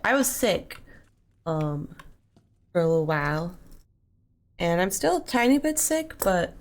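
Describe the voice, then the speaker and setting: A woman's voice: on the low side, creaky. A woman streaming a horror game, reading in-game notes aloud and swearing casually at enemies. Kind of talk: live gameplay commentary.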